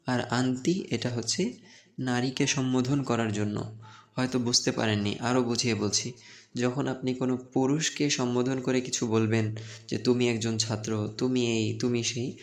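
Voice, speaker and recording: A man teaching a beginner Arabic class, patient and encouraging, repeating words slowly for students to say back. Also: medium pitch. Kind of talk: online language lesson.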